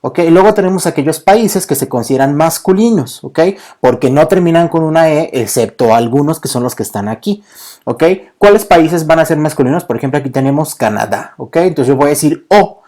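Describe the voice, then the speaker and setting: A man's voice: fairly high pitch, expressive, a little fast, dark tone. A man teaching a beginner French lesson, patiently explaining and peppering his talk with "ok". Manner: patient, says "ok" constantly.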